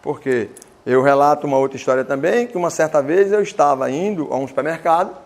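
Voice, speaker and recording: A man's voice: fairly high pitch, fast talker. A man giving a talk to students, telling stories and acting out the voices in them. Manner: animated storytelling with voiced quotes. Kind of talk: lecture to students.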